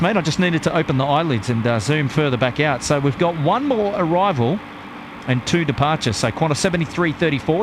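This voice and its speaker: A man's voice: on the high side, background noise. A man hosting a live stream with casual, matey, rambling plane-spotting commentary and frequent hesitations.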